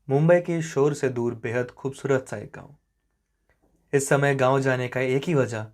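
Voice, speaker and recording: A man tells a spoken horror story with dramatic, suspenseful narration. His delivery is slow and often falls to a quiet hush at the tense moments. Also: medium pitch.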